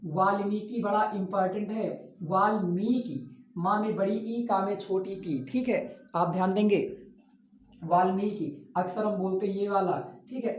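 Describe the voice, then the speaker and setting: A male teacher gives a spelling lesson for exam students, repeating each word slowly to drill its correct form. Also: high voice, steady tone. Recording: roomy, distant, dull lo-fi classroom recording.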